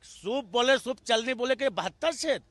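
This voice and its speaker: Impassioned male party spokesman, bright forceful voice, piling up rhetorical lists. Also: very high voice, expressive, normal speed, dry recording. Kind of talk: heated TV debate argument.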